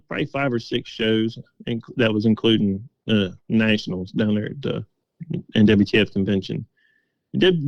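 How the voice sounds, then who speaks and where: A man's voice: mid-range voice, no room sound, lo-fi sound. A middle-aged man being interviewed, telling stories in a folksy, casual, conversational way. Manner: folksy, quotes past conversations as dialogue. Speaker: interview guest, game call maker.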